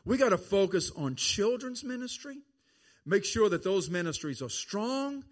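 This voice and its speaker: Male preacher, high voice, slow deliberate delivery, emphatic sermon. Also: sing-song.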